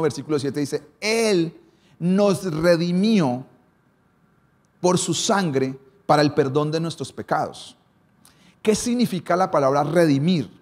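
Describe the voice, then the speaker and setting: A pastor preaching a sermon. His voice sits a little high for a man. He moves between quick runs and slow, weighty lines, often stopping on a rhetorical question. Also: a little mellow. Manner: preaching, varied emphasis and pace, rhetorical questions.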